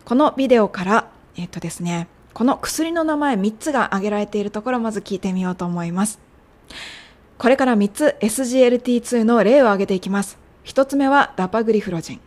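A young woman hosts a casual lesson on pronouncing medical English terms. Her voice sits a little high, and she chats in a friendly way. She slows down to drill each sound for her listeners. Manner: friendly, chatty coaching, drilling sounds slowly. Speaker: English pronunciation teacher.

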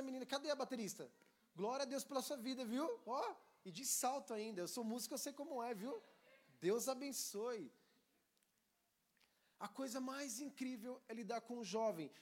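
A man, an evangelist preaching a sermon to a congregation, swinging between hushed and loud emphatic delivery. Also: extremely high pitch. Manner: acts out quoted voices.

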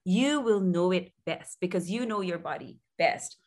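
A woman's voice: fairly low pitch, expressive, unhurried, darkish tone. A woman speaking as a sleep consultant in an interview, explaining conversationally and encouragingly, often repeating phrases for emphasis.

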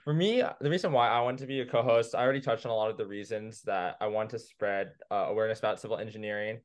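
A young man from California, a new podcast co-host, talking earnestly in casual chat. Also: on the low side. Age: young adult. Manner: earnest, with some "um" and "uh" pauses.

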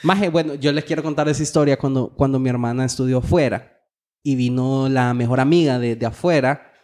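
A man's voice: mid-range voice, fairly quick, mellow. A man with a Honduran accent co-hosting a podcast, chatting casually, full of slang and swearing, telling stories. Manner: slangy, swears freely, storytelling. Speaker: podcast co-host. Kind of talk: casual chat.

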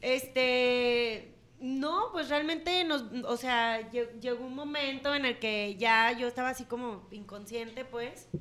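A woman's voice: fairly high pitch, takes it slowly. A young Mexican woman with a Mexican Spanish accent, telling a party story in casual chat and laughing often. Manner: laughing, lively anecdote telling.

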